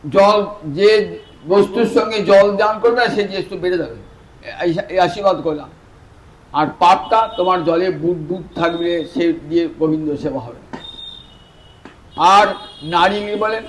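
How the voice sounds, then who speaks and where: A male preacher telling a devotional scripture story as a sermon, addressing his listeners directly and moving from soft, slow phrasing to louder, emphatic bursts. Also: sits high, poor audio. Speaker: Vaishnava preacher.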